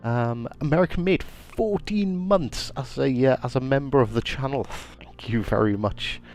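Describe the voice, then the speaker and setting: A man streams a game live, chatting casually and greeting viewers by name while sounding a little congested from a cold. His mid-range voice is a little mellow and moves at normal speed. Soft music plays in the background.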